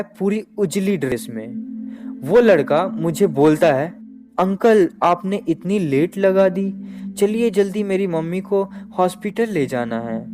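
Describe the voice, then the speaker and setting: A man narrating a first-person horror story in slow, measured storytelling. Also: on the high side. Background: background music.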